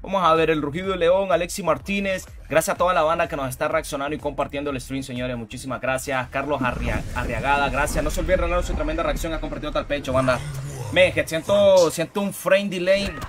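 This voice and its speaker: A man livestreaming a fighting game, reacting loudly to the matches and greeting viewers in chat by name with casual slang. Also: fairly high pitch, fast. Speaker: streamer. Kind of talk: live gameplay commentary. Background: game music.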